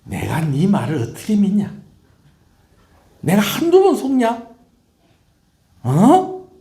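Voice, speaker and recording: Heartbroken mom, shrill and scolding, done by a man, echoey hall. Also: huge pitch swings, takes it slowly, warm tone, heavily acted. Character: nagging, heartbroken middle-aged mother.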